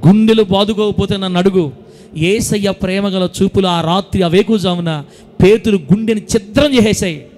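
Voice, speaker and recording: A man's voice: high-pitched, steady tone, normal speed, darkish tone. A man preaching a Sunday sermon, exhorting the congregation emphatically and pressing his points again and again.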